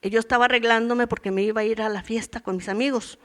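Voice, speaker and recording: A woman's voice: on the high side, steady tone, fast talker. Woman in her sixties, women's ministry teacher; conversational sermon with acted-out asides. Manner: conversational preaching, acts out voices from daily life and her past.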